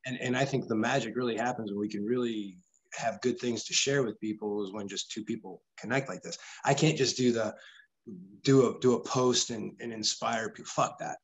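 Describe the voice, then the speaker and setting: A man's voice: medium pitch, steady tone, a little fast, husky, poor audio. A man who coaches grappling, a guest on a podcast, talking candidly in a rambling, profane way. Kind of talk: casual interview chat.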